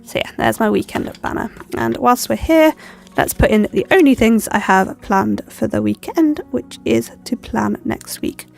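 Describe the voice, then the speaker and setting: Animated but measured, this mid-range female voice has vocal fry and few pauses, with soft music behind it. She is a young planner vlogger nursing a stuffy cold, rambling chattily and umming as she decorates her planner.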